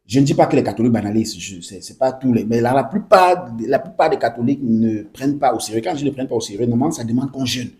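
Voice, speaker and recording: A man giving casual spoken commentary to his viewers, lively, often restarting and repeating himself. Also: mid-range voice, fast, few pauses.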